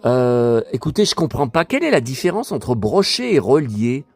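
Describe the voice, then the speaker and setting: A man casually vlogging about collector books, excitable and rambling, talking straight to his viewers. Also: mid-range voice, moderate pace, vocal fry, breathy edge.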